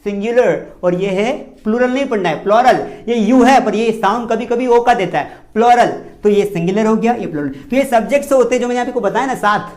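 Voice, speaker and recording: A man's voice: sits high, fairly quick, hardly any pauses, a little mellow. A man teaching spoken English in Hindi as a classroom video lesson. He asks and answers his own questions and repeats the key words.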